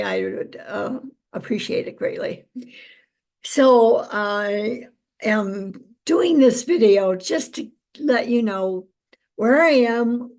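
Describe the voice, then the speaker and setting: A woman chatting casually to viewers in an unhurried way, often pausing mid-sentence as she shares updates and advice. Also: mid-range voice, gravelly. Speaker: vlogger giving personal update and kitchen health tips. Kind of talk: casual chat to camera.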